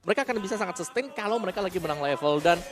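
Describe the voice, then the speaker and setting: A man's voice: high-pitched, lively intonation, very fast, fairly bright tone. An Indonesian man giving analytical commentary as an esports caster. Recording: music behind the voice. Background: music.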